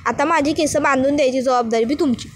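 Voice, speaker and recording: An outspoken young village wife, as a woman storyteller puts her on, coaxing and insistent in rustic country speech. The voice sits high and bright, with a faint hiss of noise underneath. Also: fast talker, lightly acted. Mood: pleading, insistent.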